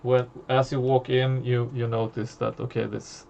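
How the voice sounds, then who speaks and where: Gravelly male game master, hesitant, filler-heavy delivery. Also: medium pitch, flat delivery, darkish tone, highs cut off, a little hiss or hum. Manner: halting, many fillers and restarts. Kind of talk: narrating a tabletop horror game.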